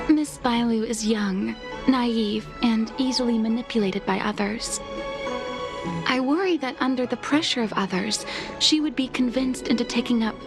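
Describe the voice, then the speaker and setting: An unhurried woman with a fairly high pitch performs the role of a devoted young maid in a video game, speaking formally, politely, and earnestly. Background music plays under the game audio.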